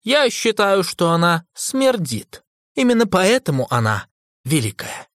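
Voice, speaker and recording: A man reading an audiobook, voicing a cold, contemptuous male drama critic in a slow, lowered, disdainful voice. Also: wildly swooping pitch, a bit bright, no room sound, studio quality, exaggerated voice. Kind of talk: audiobook character voice.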